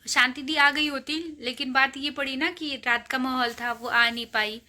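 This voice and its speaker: Bright-voiced woman vlogger. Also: high-pitched, fairly even intonation, normal speed. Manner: chatty, explains step by step to viewers; soft and hushed late at night. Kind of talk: casual vlog narration. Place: hospital grounds, then home room.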